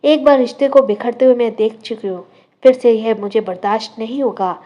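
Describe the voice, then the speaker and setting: A woman's voice: fairly high pitch, brisk, highs cut off, lightly acted. A woman voicing an earnest, caring mother. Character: caring mother, worried about family rifts.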